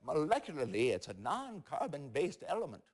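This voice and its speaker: An excitable oddball scientist from a video game. His highish voice swings wildly up and down as he lectures, halting and then emphatic. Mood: eager, rambling. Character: eccentric, excitable male scientist spouting technobabble. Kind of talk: acted TV interview in a game cutscene.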